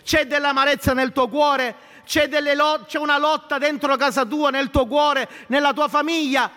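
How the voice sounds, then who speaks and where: High-voiced bright male preacher. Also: fairly even intonation, normal speed, in a large hall. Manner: preaching with rising emphasis and rhetorical questions. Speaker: pastor. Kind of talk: sermon.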